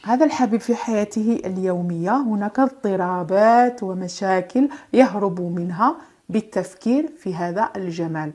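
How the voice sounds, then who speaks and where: A woman giving a tarot card reading, in gentle, reassuring, drawn-out phrases with hesitations and French asides. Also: mid-range voice. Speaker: tarot reader.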